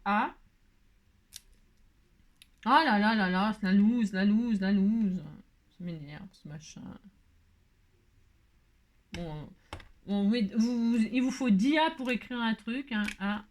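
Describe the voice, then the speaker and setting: A woman with a mid-range, slightly mellow voice hosts a card-making tutorial, chatting viewers through each step. She pokes fun at herself, laughs often, and fills her casual crafting talk with plenty of fillers.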